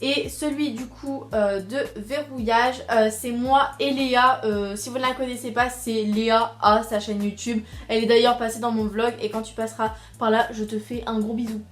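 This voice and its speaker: A woman's voice: fairly high pitch, steady tone, moderate pace, few pauses. A young woman vlogger chatting casually through a tour of her phone, with many fillers and trailing mumbles. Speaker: YouTuber. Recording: echoey room with light music.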